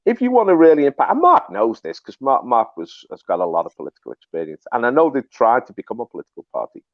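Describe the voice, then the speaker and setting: A man's voice: very animated, fast, dry recording. Fervent man, dull audio. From Liverpool, England. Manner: fervent, emphatic, rising to preaching pitch. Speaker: guest. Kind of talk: political interview.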